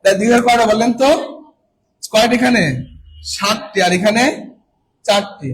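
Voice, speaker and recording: A man's voice: sits high, fairly even intonation, normal speed, slight background noise, poor audio. A man teaching a classroom lesson who keeps asking his students questions and then answering them himself, stretching out the key words for emphasis. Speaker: coaching teacher. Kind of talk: classroom lecture.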